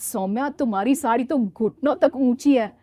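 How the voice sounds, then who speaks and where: A woman's voice: fairly high pitch, normal speed, warm tone, no echo, natural voice. A woman voicing an exasperated young husband in a cartoon story, pleading and defensive. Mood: puzzled.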